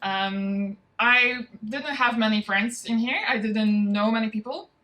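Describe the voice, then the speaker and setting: A woman who founded the bootcamp, welcoming an audience and introducing its students in a relaxed way, with frequent ums. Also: on the high side, measured pace, distant mic, low-quality recording. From from outside Norway. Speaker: bootcamp founder hosting a demo day. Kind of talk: event welcome speech. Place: event venue, spoken to a live audience.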